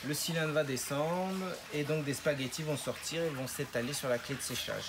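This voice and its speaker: A man's voice: a little high, normal speed. A man who farms spirulina, patiently explaining his process step by step in an interview. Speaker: spirulina farmer. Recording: noisy ambient background.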